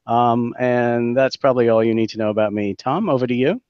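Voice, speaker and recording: A man speaking as a guest professor, measured and steady with fillers. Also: mid-range voice, clean tone, no echo, muffled recording. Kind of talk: interview self-introduction.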